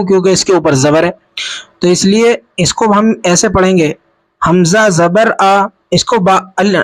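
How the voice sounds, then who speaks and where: A man teaching Quran reading in a patient spoken lesson, spelling out syllables slowly and asking and answering his own questions, with a Pakistani Urdu accent. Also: sits high, rough recording.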